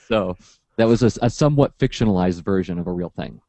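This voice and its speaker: A man with a fairly low pitch, who teaches comics workshops, talks casually and at length, full of animated storytelling and acted-out quotes. There's no room sound.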